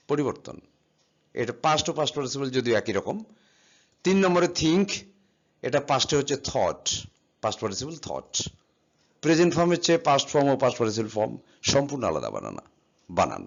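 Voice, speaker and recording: A man teaching an English grammar lesson, patiently spelling words out letter by letter and asking and answering his own questions. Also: medium pitch. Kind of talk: classroom lesson explaining verb forms. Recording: slightly dull, lo-fi sound.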